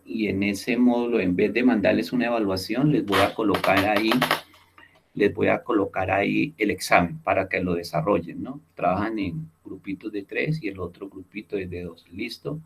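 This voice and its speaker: A man's voice: lowish voice, gravelly, husky. A man teaching a class over a video call, explaining step by step and often checking in with his students. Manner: explanatory, repeats key words, checks in with "¿listo?". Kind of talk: online class lecture.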